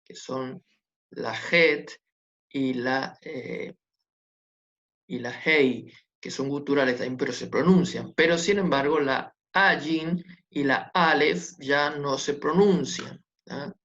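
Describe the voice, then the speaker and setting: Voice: medium pitch, takes it slowly, a bit bright, highs cut off. A teacher giving a class, patient and repetitive, often checking that the students follow. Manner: patient, repetitive, checks understanding with tag questions. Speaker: Hebrew teacher. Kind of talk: online class lesson.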